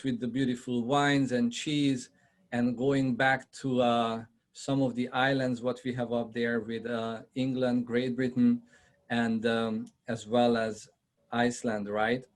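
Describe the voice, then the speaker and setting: With a Hungarian accent and a medium-pitched voice, a man from Hungary gives a conversational online presentation to realtors over a video call. He often pauses with fillers and poses questions to his audience.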